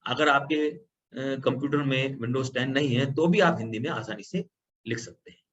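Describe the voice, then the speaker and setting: A man's voice: mid-range voice, moderate pace. A man patiently presenting a computer tutorial, explaining each step as he goes. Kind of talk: screen-recorded software tutorial. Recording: slightly dull lo-fi audio with faint background hum.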